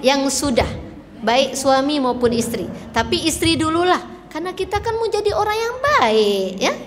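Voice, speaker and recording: Animated high-voiced woman preaching. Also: normal speed, big-room sound. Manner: animated, mixes in English phrases, acts out couples' lines. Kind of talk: lively religious talk to an audience.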